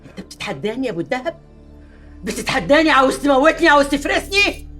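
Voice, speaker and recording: A woman's voice: high-pitched, sing-song, racing, pushed and bright, faint music behind, heavily acted. A woman with an Egyptian accent playing a scheming wife who turns into a grieving mother, talking in a frantic, wailing way in a film drama. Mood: taunting. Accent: Egyptian Arabic.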